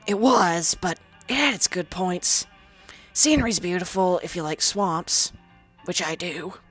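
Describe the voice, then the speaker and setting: Speaking a little slowly in a voice on the low side yet a bit bright, a woman performs a fan-voiced game dialogue over soft background music. Her role is a companion: a young female ghoul, formerly a psychology student, who is sardonic, crude, wry, blunt and defensive.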